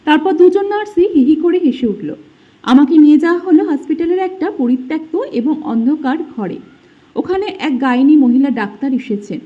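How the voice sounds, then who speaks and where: A woman's voice: sits high, expressive, normal speed. A woman narrating a dramatic first-person story with emotion. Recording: dull lo-fi recording.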